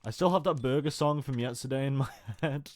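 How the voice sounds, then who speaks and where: A man with a Stoke-on-Trent accent talks in an ordinary mid-pitched voice. He chats casually to viewers as he plays, rambling and easily amused. Faint game noise sits behind his voice. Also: a little fast. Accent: Stoke-on-Trent, English. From Stoke-on-Trent, England. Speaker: video game livestreamer. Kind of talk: casual gaming stream chat.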